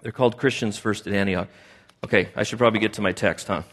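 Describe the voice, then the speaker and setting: A man's voice: lowish voice, steady tone, fast, fairly bright tone. A man preaching a sermon as pastor, talking in a conversational way and often asking the congregation questions. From United States. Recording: long hall reverb.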